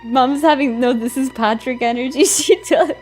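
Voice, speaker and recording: A woman with a high, light voice talks through a story game on stream. She laughs a lot and breaks into excited squeals. Soft game music plays quietly behind her. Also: moderate pace. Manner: giggly, excitable, often squeals; reads game text aloud. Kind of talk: casual gameplay commentary.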